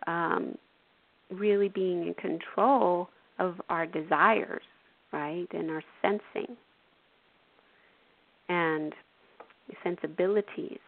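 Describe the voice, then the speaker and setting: A woman hosting a spiritual self-help radio show, coaching gently with frequent "you know" and "right". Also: on the low side, creaky. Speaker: radio show host and intuitive. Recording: tinny phone-like radio audio.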